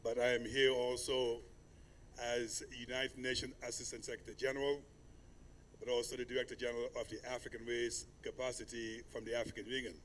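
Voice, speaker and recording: A man from Senegal moderating a climate summit panel, speaking in a measured, ceremonial way in a conference hall. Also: mid-range voice, little pitch movement, a bit bright, a little hiss or hum.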